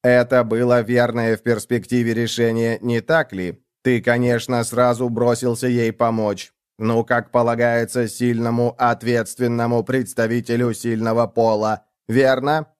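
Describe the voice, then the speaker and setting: Guy doing a snide sneering ship computer in an audiobook, smooth clear voice, needles you nonstop. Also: mid-range voice, level tone, unhurried, few pauses, no echo, clean studio sound, close to an everyday voice. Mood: mocking. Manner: needling, sarcastic interrogation. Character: sneering male ship computer, cold, mocking.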